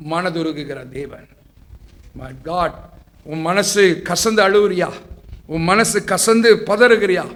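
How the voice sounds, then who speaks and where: A pastor preaching a sermon in church, asking the congregation rhetorical questions and leading call-and-response. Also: male voice, sits high, fairly bright tone.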